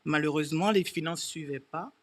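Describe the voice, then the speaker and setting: A woman's voice: low voice, brisk, no echo. A woman who once played handball internationally speaks as a guest. Her sound is dry and close, and she keeps her points direct and brief. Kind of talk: guest in a discussion.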